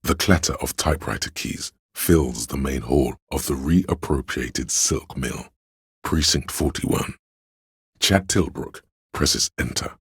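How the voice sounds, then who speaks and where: This is a studio-quality recording with no echo of a man performing a grave, all-knowing inner voice of police camaraderie for a video game. His extremely low, gravelly, husky voice is exaggerated as he narrates in a solemn, measured, literary way. The mood is brooding and measured.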